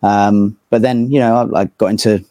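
Speaking as an interview guest, this English metal vocalist in his thirties talks in a relaxed, meandering, hesitant way with a southern English accent. His voice is on the low side and warm, with a steady tone at normal speed and no echo.

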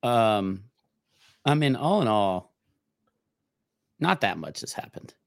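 A man with a rough smoker's rasp, co-hosting a casual, wry podcast chat about markets. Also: lowish voice, very animated, takes it slowly, dry recording, clean studio sound. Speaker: podcast co-host.

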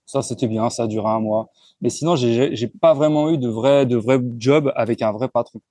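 Mellow-voiced man in his forties. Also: mid-range voice, a little fast, no echo. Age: 40s. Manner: relaxed, frank, with frequent hesitations and restarts. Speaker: entrepreneur guest. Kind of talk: casual conversational interview.

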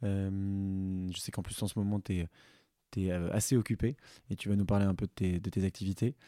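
Un homme qui anime un podcast, présente l'épisode puis pose ses questions avec hésitation. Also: male voice, deep voice, level tone, a little fast, warm tone, no room sound, studio quality. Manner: friendly, hesitant questions. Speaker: podcast host. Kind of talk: podcast intro and interview.

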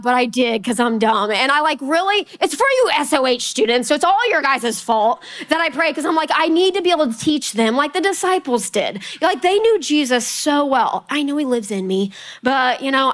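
A woman in her forties with a Texan accent, telling a story in a casual, animated sermon at church, full of self-mocking asides. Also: sits high. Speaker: speaker at church. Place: church sanctuary.

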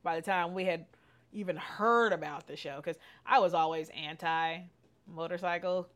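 A woman's voice: fairly low pitch, steady tone, moderate pace, a bit bright. A middle-aged woman hosting a podcast, telling candid personal stories in casual chat, laughing often and swearing freely. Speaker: podcast host.

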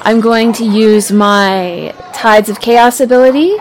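A woman's voice: a little high, a little slow. A woman playing a tabletop game, describing her character's actions thoughtfully with hesitations. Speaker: player. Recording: crowd chatter and noise behind.

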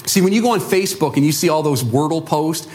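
A man preaching a sermon as a pastor, telling a Bible story in an animated way and acting out the voices of the people in it. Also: on the high side, fast. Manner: animated, acts out quoted voices.

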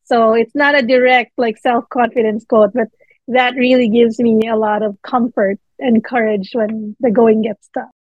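A Filipina book editor speaks as an interview guest, thoughtful and using fillers, in a fairly high voice with fairly even intonation at a moderate pace. The recording is dull, dry and lo-fi, with no room sound.

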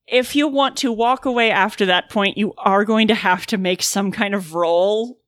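A woman's voice: mid-range voice, normal speed, a bit bright, no room sound. A woman narrating a tabletop game as game master in a casual, informal way.

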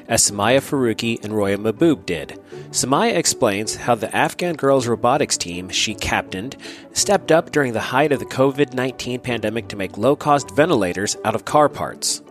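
A man's voice: medium pitch, animated, normal speed, soft background music. A man hosting a podcast interview, reading a scripted intro and then chatting with his guests, often restarting his words when he talks off the cuff. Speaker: podcast host.

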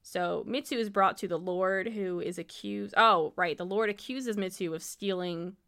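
A woman's voice: medium pitch, moderate pace, fairly bright tone, smooth. A woman co-hosting a podcast, recapping a movie in casual chat, wry and amused and laughing often. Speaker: podcast co-host.

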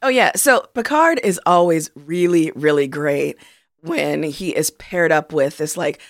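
A woman co-hosting a podcast, talking in an animated, opinionated and slangy way. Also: low voice, a little slow, dry recording, clean studio sound. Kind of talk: casual chat.

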